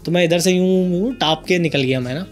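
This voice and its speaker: A man from Karachi, hosting a podcast and telling a childhood story in a lively, animated way. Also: high voice, brisk, faint music behind. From Karachi, Pakistan. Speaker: podcast host. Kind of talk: casual storytelling chat.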